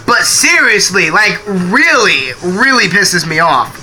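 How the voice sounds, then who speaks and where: A young man chats on a live stream in a rambling, casual way, restarting his sentences and swearing now and then. His voice sits high and sounds very bright and sharp. Faint music plays behind him. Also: sing-song, takes it slowly.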